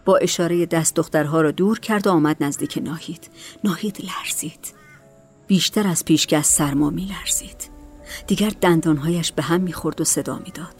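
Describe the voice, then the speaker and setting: A woman narrating a novel in a calm, measured voice. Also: sits low, faint music behind. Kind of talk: storybook narration.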